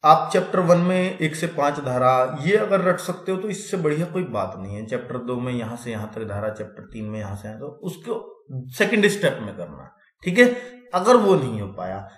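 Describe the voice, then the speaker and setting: A man's voice: mid-range voice, expressive, moderate pace, reverberant. A man teaching an exam-prep lecture in a chatty classroom style, often checking in with his students. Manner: chatty, repeats "ठीक है" often.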